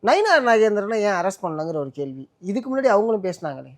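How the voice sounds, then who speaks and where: A man's voice: high-pitched, very animated, fast. A man interviewing a guest, probing and pushing back on the answers. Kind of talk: casual Tamil interview questioning.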